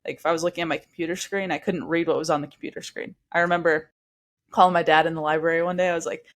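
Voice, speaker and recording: A woman's voice: deep voice, level tone. Chatty young woman, a bit stuffy. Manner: chatty, quick, with frequent likes and restarts. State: stuffy from allergies. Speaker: podcast guest. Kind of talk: casual storytelling interview.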